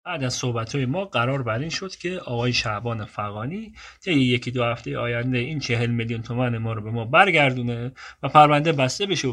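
A man recounting a personal story in casual, unscripted speech at a middling pitch. He wanders off on side remarks and then cuts himself short to get back to the thread. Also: a bit bright. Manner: digressive, keeps cutting himself off and moving on.

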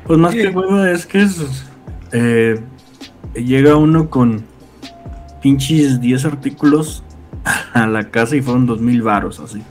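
A Mexican man talks slowly in a mid-pitched voice. His chat is casual, slangy and grumbling, with faint music underneath.

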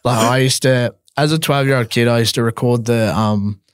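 A man's voice: mid-range voice, fairly even intonation, moderate pace, clear, resonant tone. An Australian man from Victoria, a podcast guest talking casually and rambling with lots of fillers. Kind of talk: casual chat.

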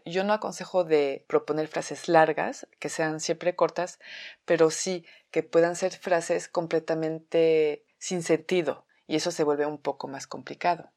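A woman, a theater workshop teacher calmly explaining a drama exercise step by step. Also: lowish voice. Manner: calm, methodical explanation with examples.

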